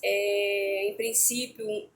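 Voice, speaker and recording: A woman's voice: medium pitch, little pitch movement, extremely slow, creaky, slight background noise. A woman teacher giving a remote lesson, explaining a textbook in a chatty way and often checking in with her students.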